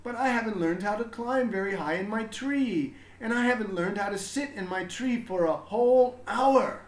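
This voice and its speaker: This is a man playing a sincere little schoolgirl in a storybook. The voice is lifted high and stays measured and plain-spoken, with room echo around it. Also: close to an everyday voice. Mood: earnest. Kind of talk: children's storybook character voice.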